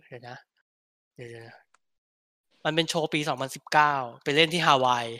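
A man co-hosting a casual film podcast, talking bluntly with crude slang and many halting restarts. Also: fairly high pitch, fairly even intonation, bright, forceful tone, dry recording, clean studio sound. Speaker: podcast co-host.

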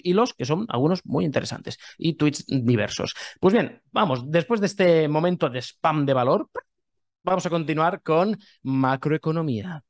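A man co-hosting a casual podcast, chatting loosely and pitching the show with self-aware humor. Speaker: podcast co-host.

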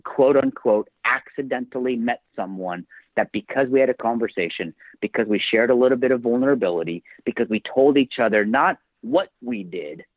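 A man's voice: mid-range voice, fairly quick, no room sound. Male author guest, emphatic storyteller, tinny phone-line sound, dry. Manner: storytelling, emphatic, motivational speaker. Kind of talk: podcast interview.

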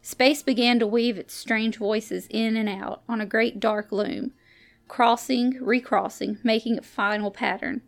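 A woman on the library staff reading a science fiction short story aloud, giving the characters lively voices in the dialogue. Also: a little high, unhurried, creaky.

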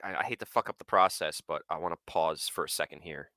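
A man chatting on a podcast in a bright, forceful voice. He rambles excitedly and laughs often. He sounds dry and close to the mic. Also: sits low, fast, no echo. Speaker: podcast co-host. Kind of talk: casual chat.

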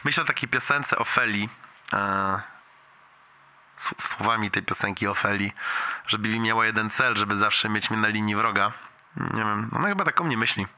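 A man leaves a long voicemail for a friend, rambling and restarting mid-sentence. His voice sits a little low, yet it has a bright, sharp and tense edge. He talks about himself in a self-deprecating way. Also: moderate pace. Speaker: friend leaving a message. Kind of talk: leaving a voicemail.

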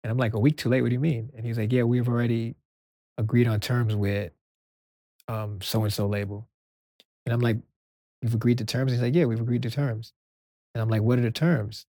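A soft-spoken man from Brooklyn, a music executive guest, telling stories in an interview and acting out the dialogue. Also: mid-range voice, a little fast, pauses often, no room sound, clean studio sound. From Brooklyn, New York. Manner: animated storyteller acting out quoted dialogue. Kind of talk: storytelling interview answers.

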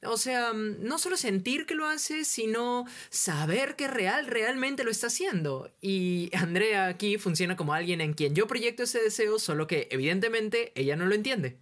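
A man narrating as the writer of an audio story, calm and teasingly amused. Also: sits high, moderate pace, few pauses.

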